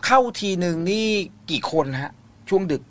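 Encouraging male radio host, soft hums. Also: normal speed. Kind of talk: casual chat.

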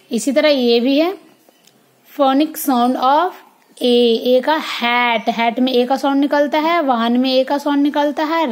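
A woman teaching a kindergarten class online, with a fairly high voice. She drills letters and words slowly and in a sing-song way, as a teacher speaking to small children does.

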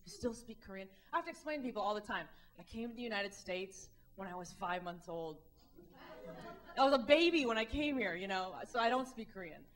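A Midwestern woman in her thirties works a comedy club stage indoors, handheld mic in hand, delivering a wry, animated stand-up set. She has a medium-pitched voice and a brisk pace, and she acts out the voices of the people she quotes.

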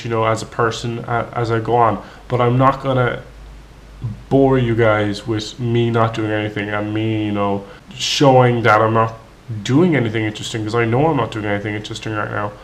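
A man, hoarse and raspy from tonsillitis, talking casually to his viewers in a vlog, rambling with lots of fillers. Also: on the low side, a little hiss or hum. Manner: rambling, many fillers and restarts. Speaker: vlogger.

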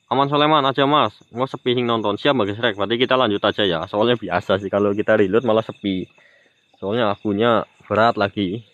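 A man's voice: lowish voice, steady tone, fairly quick, fairly bright tone, dry recording, muffled recording. A man with a Banyumas Javanese accent, chatting to viewers on a night-time ghost-hunting live stream outdoors. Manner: chatty, addresses viewers, teasing sing-song calls to a ghost. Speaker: live-stream mystery vlogger. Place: outdoors at night near a graveyard. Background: crickets and insects.

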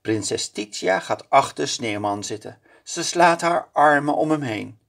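Slow and expressive, a man with a gravelly, medium-pitched voice reads aloud from a children's picture book in storytelling fashion.

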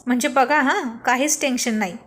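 A cheeky young man eager to pitch his silly ideas, read aloud by a woman. He speaks in a fairly high voice with playful bluster in a spoken love story. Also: brisk, a bit bright.

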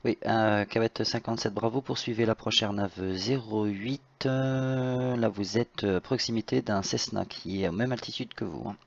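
A man giving procedural radio instructions as a tower controller in a flight simulation, with halting phrasing. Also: fairly low pitch, creaky, background noise. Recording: slightly dull lo-fi voice-chat audio.

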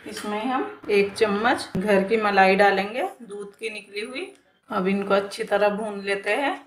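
A woman who hosts a home cooking channel, calmly explaining each step of a recipe as she cooks in her kitchen. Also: medium pitch, measured pace, slight background noise. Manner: calm, plain step-by-step explaining with repeated phrases. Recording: echoey kitchen with cooking sizzle. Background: frying sizzle and stirring clicks.

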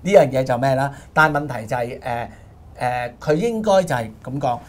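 A man with a Hong Kong Cantonese accent, co-hosting a casual panel talk, questioning and seeking agreement. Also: medium pitch. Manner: fast, questioning, keeps asking "係嘛". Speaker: co-host.

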